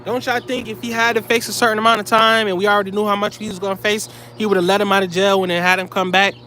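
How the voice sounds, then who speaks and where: A man's voice: high voice, little pitch movement, quick pace, sharp tone, a little hiss or hum. A man delivering heated, profane commentary straight to his viewers, blunt and scolding.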